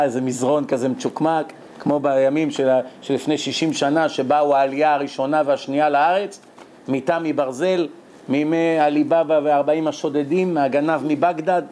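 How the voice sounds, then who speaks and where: A man with a fairly high voice preaches a lively, story-filled sermon. He jumps into high, excited voices for the people in his tales and laughs often along the way. A faint noise sits behind him. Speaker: rabbi giving a Torah lecture.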